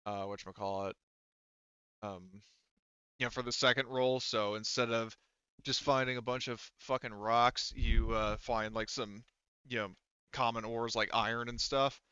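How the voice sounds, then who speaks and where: Here a man with a steady, unhurried mid-range voice, smooth yet sharp, runs a tabletop game as game master, casually refereeing while hesitantly thinking aloud. It's a dry, dull, band-limited recording.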